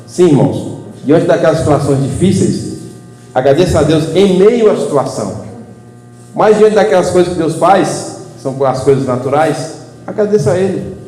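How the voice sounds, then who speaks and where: A man's voice: fairly high pitch, lively intonation, normal speed, warm tone. Brazilian preacher man in an echoey hall. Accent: Brazilian Portuguese. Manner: chatty, folksy storytelling with frequent "né" and "irmãos". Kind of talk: informal evening sermon. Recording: echoey hall with faint hum.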